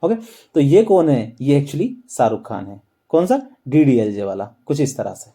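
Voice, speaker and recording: A man's voice: mid-range voice, sing-song, a little slow, warm tone. A man teaching a map lesson, quizzing listeners with repeated questions and then answering them himself. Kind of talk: explaining a map lesson with memory tricks.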